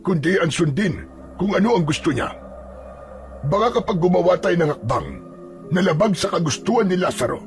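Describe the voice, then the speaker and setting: A man voicing a calm older village man who speaks steadily and comfortingly in a horror story. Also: high-pitched, voice pushed up. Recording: music playing behind.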